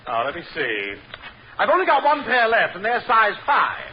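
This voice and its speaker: A high, bouncy salesman, played by a man, rattles off one-liners and chuckles at each of them. The old radio broadcast is muffled and hissy. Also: huge pitch swings, normal speed. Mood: jokey. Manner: chuckles at his own gags. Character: pun-cracking male salesman, fond of his own jokes. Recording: noisy dull 1940s radio recording.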